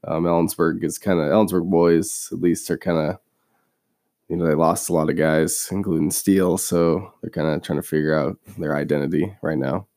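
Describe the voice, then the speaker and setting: A man with a cold, hoarse and husky, co-hosting a local sports radio show in a brief, matter-of-fact way. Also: deep voice, steady tone, normal speed, a little mellow, dry recording, clean studio sound. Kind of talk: casual sports talk.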